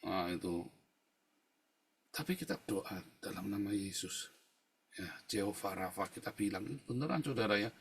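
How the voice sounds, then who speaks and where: A male pastor, preaching conversationally to his congregation and swinging between quiet asides and loud, emphatic outbursts. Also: fairly low pitch, expressive, moderate pace, long pauses, slight background noise. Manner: conversational preaching, constantly addressing listeners as brothers and sisters. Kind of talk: sermon with personal testimony.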